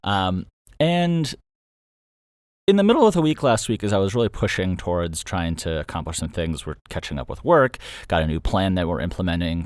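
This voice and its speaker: In a studio-quality, dry recording, an audio drama creator and host with a low voice talks loosely about his creative work. It's a casual solo update, unscripted, with him thinking out loud as he goes.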